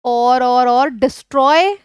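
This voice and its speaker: A woman's voice: high voice, slow, clean tone, no room sound, clean studio sound. A woman with an Indian accent teaching an exam-prep vocabulary lesson. She runs through word lists and puts questions to the viewers. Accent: Indian English.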